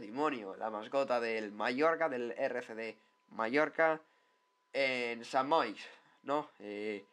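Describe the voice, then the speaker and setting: A man's voice: mid-range voice, a bit bright. A man giving a casual, rambling commentary on football mascots, full of tag questions and repeated words. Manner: rambling, chatty, lots of tag questions and repetitions. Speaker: football vlogger reviewing mascots.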